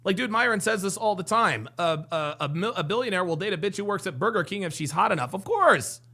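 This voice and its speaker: Animated high-voiced man with gravelly edge. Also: fairly quick. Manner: animated, joking, repeats himself. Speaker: streamer reacting to a dating show. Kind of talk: live stream reaction commentary.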